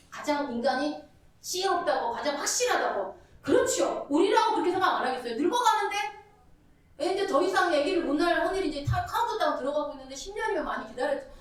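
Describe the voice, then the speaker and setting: A woman preaching a lively, conversational sermon, constantly asking the congregation questions. Her voice is high and swings widely in pitch. She is heard from a distance, with heavy echo from the church hall. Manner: animated, conversational, many rhetorical questions. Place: church sanctuary. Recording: echoey hall from far off.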